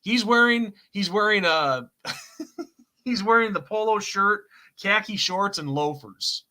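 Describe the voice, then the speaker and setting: A man's voice: sits high, expressive, takes it slowly, pushed and bright, rough recording. A man co-hosting a casual live show, telling a rambling story and correcting himself as he goes. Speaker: co-host.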